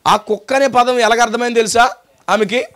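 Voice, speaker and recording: A man with a Telugu accent preaching a sermon as a pastor, firing rhetorical questions at the congregation and pausing for call-and-response. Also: very high-pitched, steady tone, fairly bright tone.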